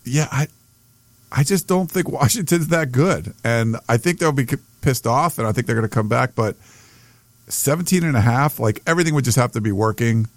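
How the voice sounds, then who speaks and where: A man's voice: mid-range voice, expressive, moderate pace, dry recording. An American man co-hosting a sports podcast in casual chat, hesitant and circling back over his phrases.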